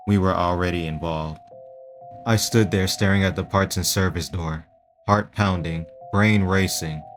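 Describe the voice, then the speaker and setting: A man telling a first-person horror story in a hushed, suspenseful voice with dramatic pauses. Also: deep voice. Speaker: storyteller and voice actor.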